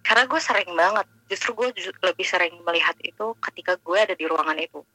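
A woman calling in over the phone, telling a personal ghost story in a halting casual way. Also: lowish voice, pushed and bright, slight background noise, poor audio. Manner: halting, searching for words. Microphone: phone call.

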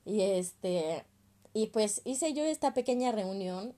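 A young woman with a Mexican accent, telling a story in casual chat, animated and slangy, acting out what people said. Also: mid-range voice, slow. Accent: Mexican Spanish. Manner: animated, acts out quoted voices, slangy.

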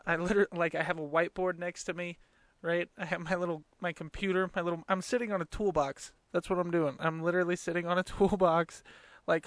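A man's voice: a little high, a bit bright, smooth, dry recording. A man in his late twenties hosting a casual solo podcast from a small closet, talking in an informal, earnest, conversational way. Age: late 20s. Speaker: podcast host.

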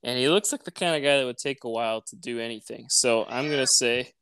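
A man's voice: medium pitch, fast talker, fairly bright tone, clean tone, dry recording. Male co-host, casual storyteller, stumbles and restarts, dry close recording. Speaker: podcast co-host. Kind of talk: casual podcast chat.

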